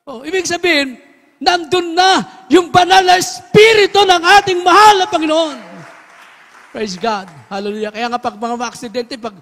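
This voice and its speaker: A man preaches a fervent sermon in a strikingly high voice. He sinks to near-whispers, then surges into shouted praise, and keeps calling his listeners his beloved. A long hall reverb trails every word.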